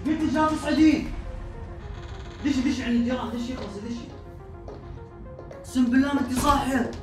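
A man's voice: very high voice, quick pace. Man in an echoey clip. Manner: calming, reasoning, exasperated. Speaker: prankster in a played clip. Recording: echoey, distant video audio with music.

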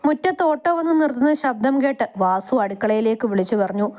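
A woman with a Malayali accent tells a romance story aloud, reading it dramatically and voicing each character herself. Her voice sits somewhat high for a woman. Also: animated, fast talker, darkish tone.

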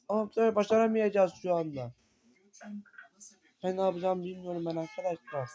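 Gaming creator, male, high voice, excitable and complaining, repeats words, loud music underneath. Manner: frantic, complaining, repeats words and calls to viewers. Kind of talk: excited let's-play commentary.

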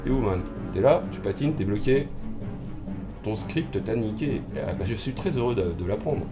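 A man's voice: lowish voice, expressive, moderate pace, dull audio, over music. A man streaming a horror game, commentating live, swearing and taunting the enemy with mock drama.

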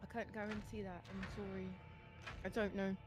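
A woman's voice: medium pitch, little pitch movement, moderate pace, over music. A woman in a gaming party, pleading and reacting dramatically while she plays. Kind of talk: casual chat while gaming. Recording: noisy game audio behind.

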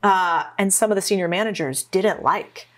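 A woman from Arizona talks through her own story in a relaxed interview. She tells it with energy and drops into little quoted voices along the way. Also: medium pitch, moderate pace. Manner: animated storytelling, acts out quotes. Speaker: podcast guest, entrepreneur. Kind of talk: casual interview conversation.

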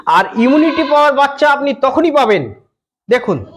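High-voiced man explaining goat breeding. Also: very animated, normal speed, a bit bright. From West Bengal, India. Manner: repeats "কিন্তু" and "বুঝতে পেরেছেন?" often. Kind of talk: explaining to an interviewer. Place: goat farm, outdoors.

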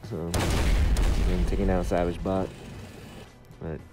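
A low-voiced man narrates his gameplay casually, muffled behind a face mask. His delivery is slow and hesitant, with long pauses. Game music plays clearly behind him, along with gunfire and vehicle noise. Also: level tone. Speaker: gamer narrating own gameplay video. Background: game music, gunfire, vehicle sounds.

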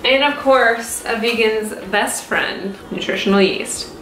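Here the vlogger's voice sits a little high, fairly bright and unhurried, with an echoey room and a bit of hiss or hum. She's in her twenties, casually chatting and wandering off topic in a small home kitchen cooking vlog, self-mocking, on a close camera mic.

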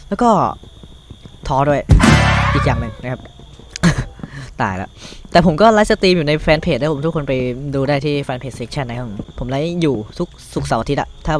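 A teenage gaming YouTuber with a Thai accent gives Minecraft let's play commentary, rambling to himself while he plays and crafts in survival mode and swearing casually. His voice is medium-pitched at a moderate pace, heard over music.

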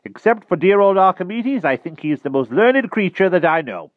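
A man voicing an old male wizard, a cheerful and fussy tutor who speaks in a brisk, raised voice. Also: high voice, very animated, no room sound, phone-quality sound, voice pushed up.

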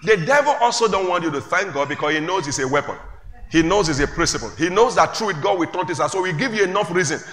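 A male pastor preaching a sermon to a congregation, calling out questions and rising to shouts. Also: sits high, expressive, quick pace. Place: church hall with congregation. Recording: echoey church hall, faint room noise.

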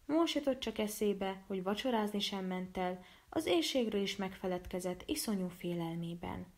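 A woman's voice: mid-range voice, expressive, a little mellow. Woman reading a storybook aloud. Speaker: storyteller and illustrator. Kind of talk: storybook narration.

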